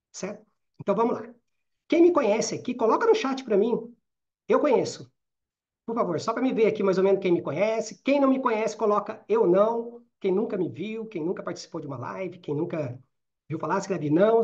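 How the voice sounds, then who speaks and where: Fast-talking Minas Gerais man trainer. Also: high voice. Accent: Minas Gerais Portuguese. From Brazil. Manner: talks fast, with frequent "né?" and "certo?" tags. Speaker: career and networking trainer. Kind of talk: live online training talk. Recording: slightly dull lo-fi audio.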